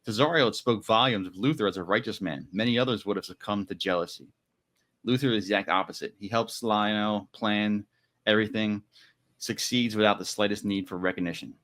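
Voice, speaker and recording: A man's voice: lowish voice, a bit bright. A man co-hosting a podcast, recapping a book in rambling casual chat full of "like" and "you know". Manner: rambling, many "like"s and "you know"s, quick acted quotes. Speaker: podcast co-host.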